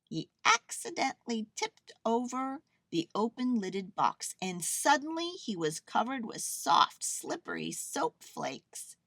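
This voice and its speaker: A woman narrating a children's picture book aloud, expressive and carefully phrased for young listeners. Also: on the high side, slow, gravelly, no room sound. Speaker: children's storyteller.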